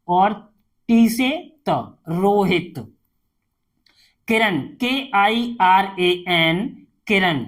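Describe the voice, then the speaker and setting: Very slow woman tutor spelling words aloud. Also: on the high side. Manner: slow, deliberate, repeats each word after spelling it. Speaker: English tutor. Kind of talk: spelling lesson, sounding out words letter by letter.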